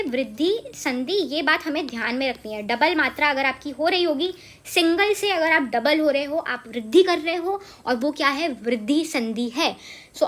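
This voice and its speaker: A woman's voice: high voice, fairly bright tone. A woman teaching an exam-prep grammar lesson, mixing English into her Hindi and checking in often with rhetorical questions.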